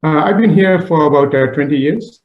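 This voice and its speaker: A man from Sri Lanka, a radio interview guest, who speaks haltingly with lots of filler pauses. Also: on the high side. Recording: dull, roomy remote line.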